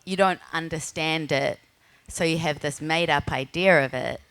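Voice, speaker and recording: Female, broad New Zealand accent, low smooth voice, reflective and searching panel talk. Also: normal speed, a bit bright. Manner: tentative, searching for words, frequent "like". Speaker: panel guest, podcaster.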